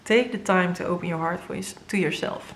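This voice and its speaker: A woman with a Dutch first language giving an earnest, halting tarot reading to viewers, with many fillers and moments where she grows emotional. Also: lowish voice, vocal fry, slight background noise. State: emotional, near tears. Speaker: tarot reader.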